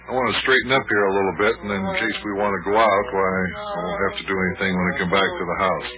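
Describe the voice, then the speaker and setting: A man's voice: low voice, steady tone, fast, phone-quality sound, over music, natural voice. A man narrating and playing a genial grown-up in an old children's radio show, reassuring and storytelling. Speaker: narrator and host.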